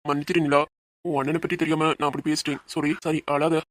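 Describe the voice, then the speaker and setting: A man voicing a confident, cocky young man in love, gently reassuring at times, in an amateur audio drama. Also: on the high side, level tone, fast talker, no echo, studio quality, lightly acted.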